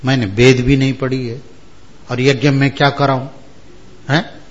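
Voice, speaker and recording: A man's voice: medium pitch, flat delivery, measured pace, dull audio. A man giving a spiritual discourse, chanting verses and explaining them word by word, often checking with his listeners. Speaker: religious discourse speaker.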